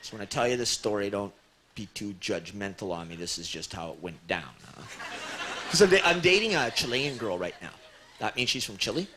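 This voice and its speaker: A man's voice: on the low side, fairly quick. A young man doing a stand-up comedy routine on stage, telling stories animatedly and acting out the people in them. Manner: animated storytelling, acts out characters, frequent "right?" and "you know?". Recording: loud audience noise in a broadcast stage recording. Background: audience laughter.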